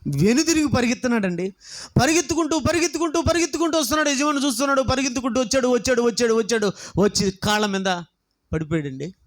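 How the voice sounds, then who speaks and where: A male pastor, preaching a sermon through animated storytelling and repeated rhetorical questions. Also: very high voice, quick pace. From South India.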